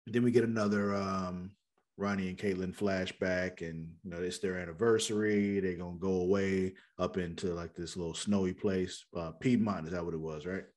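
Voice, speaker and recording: A man's voice: low-pitched, steady tone, normal speed, a little mellow. Laid-back slangy man recapping a show. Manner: slangy, loose, full of fillers like "like, you know". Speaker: podcast co-host. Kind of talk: casual TV episode recap.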